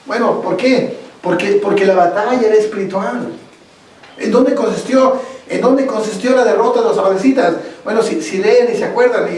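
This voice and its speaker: A male pastor teaching a Bible study, halting and repeating words, asking his listeners questions as he goes. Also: high-pitched, darkish tone. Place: church. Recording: echoey church hall, distant mic.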